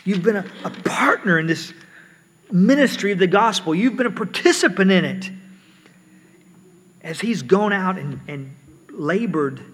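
A man's voice: sits high, expressive, unhurried, long pauses, a bit bright, husky, big-room sound. A man preaching a sermon earnestly, often repeating words as he explains.

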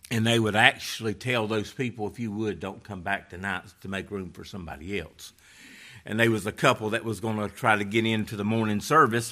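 A man preaching a sermon with a folksy delivery, moving from hushed passages to loud, emphatic ones. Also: lowish voice.

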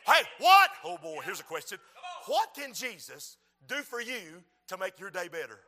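A man preaching a sermon with rhythmic repetition, moving from quiet talk to shouting. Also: high voice, wildly swooping pitch, normal speed, big-room sound. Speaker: preacher and school principal.

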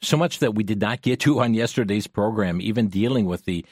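A smooth talk radio host, a man with a fairly low voice, speaks at a steady, unhurried pace into a studio microphone. His delivery is dry and close, with no room sound, and he fills his pauses with soft "uh"s as he moves between news items and callers. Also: dry recording. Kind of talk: talk radio hosting, taking listener calls.

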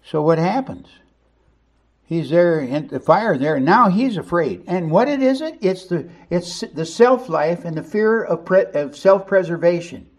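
A male pastor preaches a sermon in a conversational manner. His voice sits high for a man. He drives points home with sudden loud stresses. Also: animated, measured pace.

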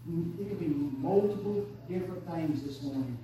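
A woman, preaching an impassioned sermon that swings between hushed and shouted. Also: deep voice, moderate pace. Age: 30s. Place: church sanctuary. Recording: echoey church from far off.

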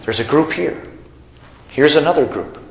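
A man's voice: a little high, expressive, normal speed, vocal fry, echoey room, rough recording. A man preaching a sermon to a congregation, explaining scripture with emphatic rises on key points. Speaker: pastor.

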